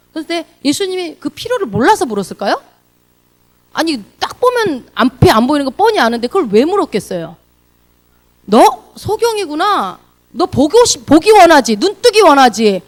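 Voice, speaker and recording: A woman pastor preaching a sermon, who asks the congregation questions and acts out the voices in the story. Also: on the high side.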